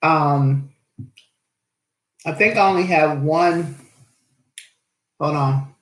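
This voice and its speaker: A woman's voice: low voice, very slow, echoey room, rough recording. A woman hosting an aquarium channel in casual live-stream chat, cheerful and chatty as she greets viewers.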